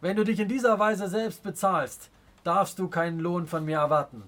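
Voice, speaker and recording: A man's voice: a little high, a bit bright. A man voicing a proud, stern Native chief in an audiobook, speaking in a scornful, commanding way. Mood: angry. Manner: scornful, commanding, slow and weighty. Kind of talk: audiobook character reading.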